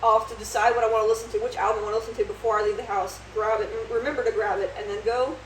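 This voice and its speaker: Fast-talking young woman co-hosting a chat. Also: fairly high pitch, fairly even intonation. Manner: teasing, laughs often, swears casually. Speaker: podcast co-host. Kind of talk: casual chat. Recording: echoey room, distant mic, faint noise.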